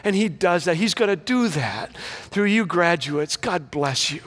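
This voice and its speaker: A man's voice: high voice, expressive, a little slow, fairly bright tone. A middle-aged man giving a humorous, inspirational graduation speech, telling stories with comic timing. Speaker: graduation speaker. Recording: echoey hall reverb.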